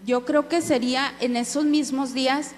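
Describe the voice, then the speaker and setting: A woman's voice: high-pitched, steady tone, normal speed. A woman preacher giving an earnest sermon testimony, speaking directly to her listeners as brothers. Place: church hall. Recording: echoey hall with faint hum.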